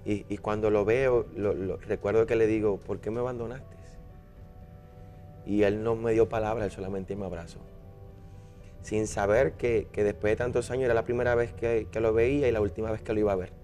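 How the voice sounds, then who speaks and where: A young Puerto Rican man, a minister, telling his life story in an interview, earnest and halting with many restarts. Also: lowish voice, flat delivery, mellow, faint music behind. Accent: Puerto Rican Spanish. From Puerto Rico. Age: young adult. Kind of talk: personal testimony interview.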